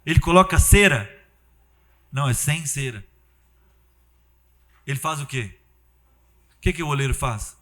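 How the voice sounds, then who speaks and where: A high-pitched man preaches a sermon. His voice is bright and forceful, and he talks in a lively, conversational way, often dropping into acted-out quotes. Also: unhurried, pauses often. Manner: animated, conversational preaching with acted-out quotes and sudden loud bursts.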